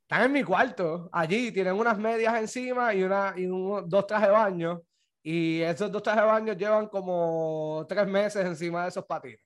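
Young man, Puerto Rican accent, high voice, casual podcast chat, swearing storyteller. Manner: storytelling, swearing, quick laughs. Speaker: podcast co-host.

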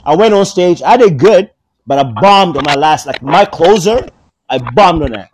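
Young man, from Tanzania, casual guest chat, fairly high pitch, noisy background. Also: moderate pace. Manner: joking, excitable, laughs often.

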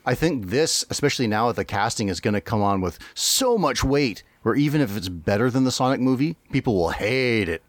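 A man's voice: medium pitch, lively intonation, fairly quick, few pauses, no echo. A man co-hosting a podcast, chatting casually and rambling with frequent laughs and restarts. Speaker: podcast co-host.

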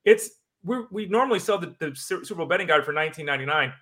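High, quick sports talker. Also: male voice, animated, fairly bright tone. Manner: quick, exasperated, rapid-fire lists. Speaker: podcast co-host. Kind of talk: casual sports talk.

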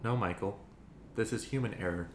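A cold, calm ship's computer , as a man puts it on speaks in a flat robot voice, a little lower than his usual talk. It sounds as if it is recorded in a roomy space with some echo. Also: fairly quick, slight background noise, lightly acted.

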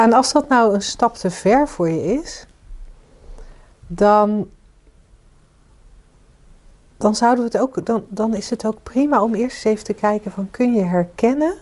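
A woman co-hosting a podcast, talking casually and asking listeners questions. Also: medium pitch. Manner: warm inviting, asks listeners questions. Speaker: podcast co-host and coach. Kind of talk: casual conversation with listener invitations.

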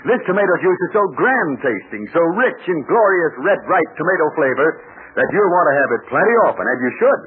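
Male 1940s old radio announcer, earnest pitchman, very lively intonation, narrow-band vintage recording. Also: fairly quick, a little hiss or hum.

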